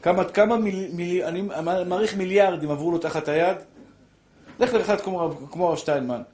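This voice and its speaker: Older man, rabbi giving a sermon, fairly high voice, heated and direct. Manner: animated preaching, addresses listeners as brothers. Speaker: rabbi giving a Torah class.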